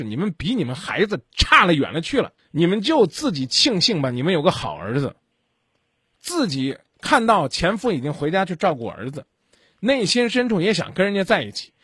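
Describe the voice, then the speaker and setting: A man's voice: fairly high pitch, sing-song, fairly quick, fairly bright tone, breathy edge, no room sound. Man, radio advice host, blunt, lecturing, raised voice, dry close sound. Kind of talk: call-in advice talk.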